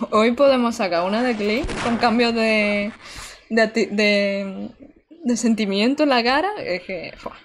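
A woman's voice: on the high side, slow pace, a little hiss or hum. Chatty young woman streaming a game. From Barcelona, Spain. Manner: chatty, exclamatory, giggly, answering chat. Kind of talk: casual live-stream chat while gaming. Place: indoor room.

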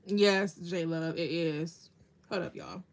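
A woman with a slightly low voice hosts a relaxed nail art livestream. She talks casually, answers viewers by name and laughs easily as she demonstrates, keeping a friendly, chatty tone. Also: slow pace. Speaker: nail artist hosting a tutorial livestream. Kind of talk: casual livestream tutorial chat.

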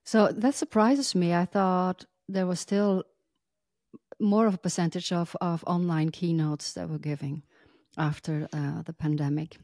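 A woman's voice: on the low side, steady tone, measured pace, a little mellow, dry recording. Woman hosting a podcast, lots of ums while asking, dry close mic sound. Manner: hesitant, filler-heavy questioning. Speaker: podcast host. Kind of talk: casual interview. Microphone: large studio mic on a video call.

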